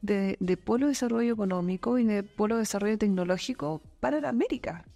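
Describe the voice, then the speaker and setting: Gravelly-voiced Chilean woman in her fifties. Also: mid-range voice, fast talker, dark tone, soft background music. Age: 50s. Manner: thoughtful, many fillers and restarts. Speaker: guest, company manager. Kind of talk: casual interview chat. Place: office podcast studio. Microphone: desk boom mic.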